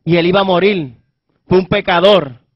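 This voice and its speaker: Fervent preacher, dull dry recording. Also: male voice, sits high, moderate pace, dry recording. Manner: fervent, swings between loud emphasis and hushed tones. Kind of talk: sermon.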